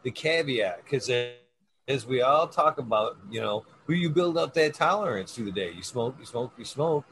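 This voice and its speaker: A man's voice: medium pitch, expressive, normal speed, rough recording. A man chatting casually in a rambling, coarse, slangy way, swearing freely.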